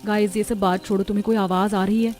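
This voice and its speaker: A woman voicing a frightened young woman camping with friends in a cartoon, excitable and anxious. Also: medium pitch, quick pace, lightly acted. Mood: chatty. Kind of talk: cartoon voice acting.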